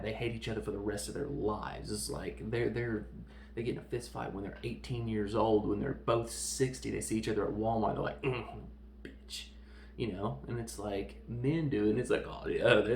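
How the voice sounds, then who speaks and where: Gravelly man ranting through a film review. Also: mid-range voice. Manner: animated, mocks people with quick put-on voices. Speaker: podcast host reviewing films. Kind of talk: casual opinionated film review. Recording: echoey room with faint background noise.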